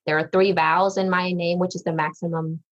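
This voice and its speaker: A woman from Vietnam, a social worker and therapist, giving thoughtful, measured answers in a podcast interview. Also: lowish voice, little pitch movement, lo-fi sound. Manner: thoughtful, measured, with frequent ums.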